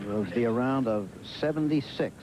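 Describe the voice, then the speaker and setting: An American man works as a lead golf commentator on live television. His delivery is measured and formal, with pauses, at a medium pitch. Clear outdoor broadcast noise with ambient traffic sits behind him. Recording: noisy outdoor broadcast, vehicle and ambient sound.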